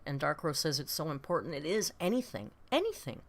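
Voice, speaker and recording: This reaction live stream host, in her late fifties, has a deep voice that's very animated and a little fast. She rambles casually with viewers, blunt and self-deprecating, with some mild swearing.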